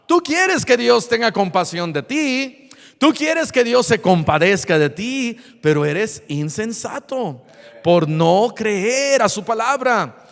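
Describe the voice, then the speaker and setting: Man, pastor, animated sermon, high voice, slow unhurried delivery. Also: vocal fry, big-room sound. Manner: animated preaching, acts out dialogue. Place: church.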